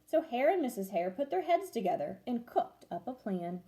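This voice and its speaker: A woman reading a children's story aloud in an expressive, deliberate way, like a teacher with pupils. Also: on the high side, background noise.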